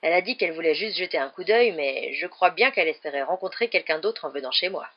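A woman doing a jovial gruff giant gamekeeper. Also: on the low side, expressive, fast, lo-fi sound. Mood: cheerful.

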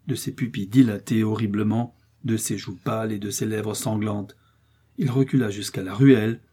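A man narrating a classic novel aloud, expressive and rising with the action. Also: medium pitch, breathy edge. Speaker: audiobook narrator. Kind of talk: dramatic novel reading.

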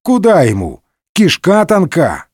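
A man voicing a mocking, boastful male tavern patron who taunts loudly and at a high pitch. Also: big pitch swings, a little slow, breathy edge, no room sound, studio quality, heavily acted. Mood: sneering. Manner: sneering and loud.

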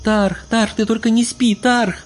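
Man doing a shrill yelling young wizard. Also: level tone, a little slow, a little hiss or hum. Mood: shrieking. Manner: shrill pleading yells. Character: frantic young male wizard Oleg, shrill.

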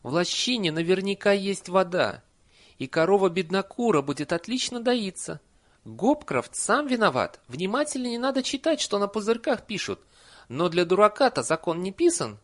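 A man reading an audiobook voices a chatty, shrewd old village witch woman in brisk, homely folk speech. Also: high voice, big pitch swings, a bit bright, pitched above the performer's own voice. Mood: frank.

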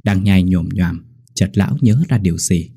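A man narrating a horror story in a steady, grim manner. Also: low-pitched, moderate pace, gravelly, husky.

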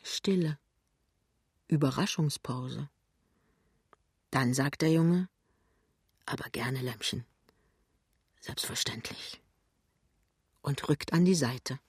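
Calm, dry-voiced radio drama narrator. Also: medium pitch, takes it slowly, pauses often, breathy edge, no room sound. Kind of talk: scripted literary radio reading. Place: studio.

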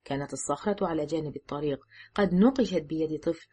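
A woman narrating an audiobook thriller in a measured, dramatic reading. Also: deep voice, mellow, slightly rough. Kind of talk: scripted narration.

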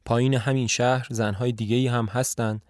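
A man voicing a shrewd calm detective. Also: mid-range voice, dry recording, studio quality, close to an everyday voice. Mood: persuasive. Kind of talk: dramatized play reading.

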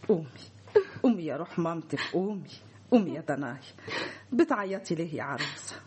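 A doting Egyptian mother, husky. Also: deep voice, expressive, fast talker, a little mellow, exaggerated voice. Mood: coaxing. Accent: Egyptian Arabic. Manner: coaxing, pleading, chatty. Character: fussy doting middle-aged mother, simple-minded and nosy. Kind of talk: classic radio drama acting.

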